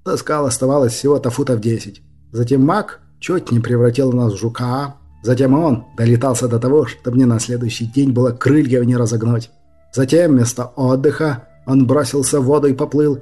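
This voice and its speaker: A man's voice: mid-range voice, fairly even intonation, normal speed, warm tone, soft background music, lightly acted. A large, touchy young dragon from an audiobook, airing grievances in a blustering, aggrieved way, played by a man. The voice stays close to a plain male mid register. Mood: indignant. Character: big grumpy young male dragon, indignant complainer. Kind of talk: audiobook character voice.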